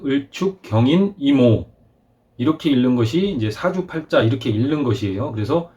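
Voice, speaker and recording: A man hosting his own channel, explaining step by step over a screen recording in a polite, formal way, with frequent filler pauses. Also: on the high side, a little mellow. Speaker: channel host explaining fortune-telling.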